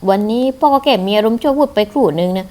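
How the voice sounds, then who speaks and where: A woman doing a gruff, blustering middle-aged dad. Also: a little high, fast talker, dark tone, close to an everyday voice. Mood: coaxing. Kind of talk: manga read-aloud with voices.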